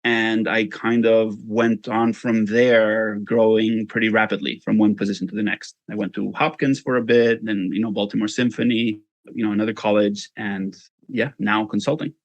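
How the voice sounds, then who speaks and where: A fundraising consultant from Spain, speaking with a Spanish accent, is the guest in this interview. His fairly low voice holds a steady tone at a moderate pace, on a lo-fi recording with no room sound. He's relaxed and self-deprecating, with frequent "you know"s.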